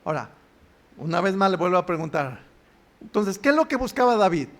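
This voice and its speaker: A man's voice: high-pitched, big pitch swings, fairly quick, a bit bright. A man with a Mexican Spanish accent preaching a sermon in a church, often asking the congregation questions and answering them himself. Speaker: pastor.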